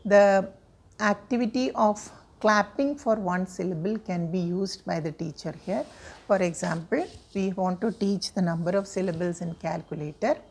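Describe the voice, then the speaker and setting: A woman lectures teachers on how children learn to read. She explains each step in a measured, patient way, pausing on frequent fillers as she gathers her thoughts. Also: mid-range voice, a little mellow. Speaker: teacher trainer.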